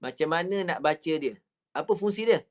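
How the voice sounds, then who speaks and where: A man with a Malaysian Malay accent leads an online recitation lesson over a computer mic, his voice sitting a little high. He drills each sound patiently, counting off repetitions and drawing out words very slowly as he demonstrates. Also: expressive. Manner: stretches words very slowly when showing the recitation. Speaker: Quran recitation teacher. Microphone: computer mic on a video call.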